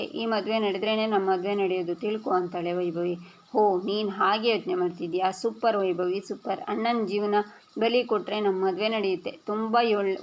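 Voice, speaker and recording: Woman reading a serial recap, lo-fi. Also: mid-range voice. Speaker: serial episode recap narrator. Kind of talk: reading a serial recap aloud, voicing all dialogue. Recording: dull lo-fi audio.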